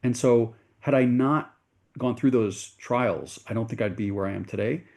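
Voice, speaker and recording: A middle-aged man from the United States, appearing as a venture capitalist guest, tells his story in earnest while self-correcting. He talks at a moderate pace in a medium-pitched, darkish voice.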